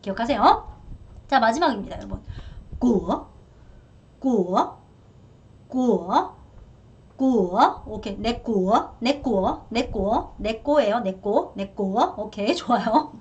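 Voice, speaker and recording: A woman with a fairly high, very animated voice teaches a beginner's language lesson. She drills each word slowly several times and laughs at her own small slips. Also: muffled recording. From Korea. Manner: lively, drills words in slow repetition.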